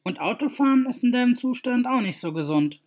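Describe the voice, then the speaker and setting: A woman voicing a kind young man who talks a distressed stranger down in a calm, gently persuasive way, in a spoken story. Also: on the high side, fairly quick, voice pushed up, natural voice. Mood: coaxing.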